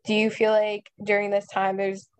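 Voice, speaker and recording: A woman's voice: medium pitch, completely flat delivery, normal speed, smooth. A woman interviewer asking questions in a casual, hesitant way, with many "like" fillers.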